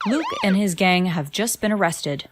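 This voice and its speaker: A woman reading a calm, reassuring father. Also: medium pitch, moderate pace, noisy background, lightly acted. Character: calm reassuring father, middle-aged man.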